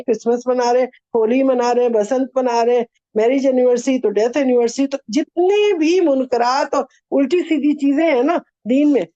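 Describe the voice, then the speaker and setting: A woman religious speaker with a high, mellow voice delivers an earnest talk, firing off rhetorical questions at her listeners and mixing in English words. The recording sounds dull and lo-fi, without any room sound.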